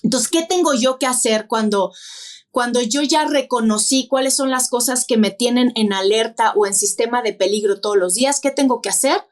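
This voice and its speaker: A woman's voice: fairly high pitch, normal speed. A woman, a podcast guest who explains things step by step and poses rhetorical questions. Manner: didactic, lists points and asks rhetorical questions. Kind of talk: explanatory interview talk.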